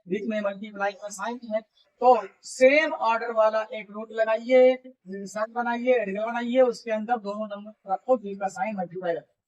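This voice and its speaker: Male coaching teacher with a high, dull-sounding voice; informal, repeats himself and checks in with the class. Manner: repeats points and checks understanding often; informal, calls students buddy and brother. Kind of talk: classroom video lecture.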